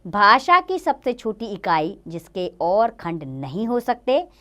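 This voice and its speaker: A woman teacher giving a grammar lesson to children, slowly sounding out letters one by one. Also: medium pitch, very animated, a bit bright.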